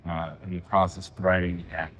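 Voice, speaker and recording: A man in his forties giving a poetry reading, with halting, filler-heavy asides between poems. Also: sits low, flat delivery, fairly bright tone, big-room sound, a little hiss or hum. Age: 40s. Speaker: poet. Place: reading venue.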